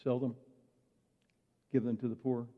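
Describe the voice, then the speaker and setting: A pastor preaches a sermon conversationally, asking his listeners rhetorical questions in an unhurried, medium-pitched voice with little pitch movement. The recording carries muffled hall reverb.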